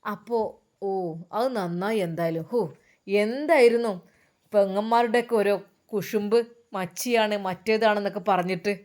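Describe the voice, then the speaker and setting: A woman's voice: medium pitch, moderate pace, pauses often, darkish tone, voice pushed down, lightly acted. A woman voicing a spiteful, scheming young adult son who talks slyly. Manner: sly, scheming.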